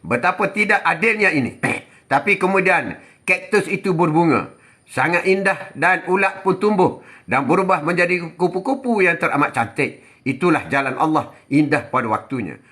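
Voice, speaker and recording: An older man, giving an animated live religious talk. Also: a little high, normal speed. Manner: animated, repetitive preaching with quoted voices. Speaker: preacher.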